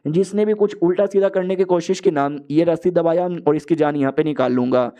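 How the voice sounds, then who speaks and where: A man's voice: on the high side, fairly quick, warm tone, smooth, natural voice. A man doing a taunting young villain. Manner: taunting, mocking. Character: scheming boastful young male villain.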